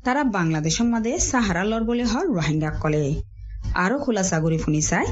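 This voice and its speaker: Dull-sounding radio recording of a lowish-voiced Rohingya-accented woman. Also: expressive, fairly quick. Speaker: radio programme presenter. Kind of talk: scripted radio news presentation.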